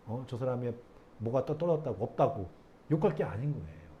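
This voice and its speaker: A male pastor preaching a Friday prayer meeting sermon, prodding his congregation with rhetorical questions and reading scripture aloud slowly. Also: medium pitch, animated, dull audio, slight background noise. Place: church sanctuary.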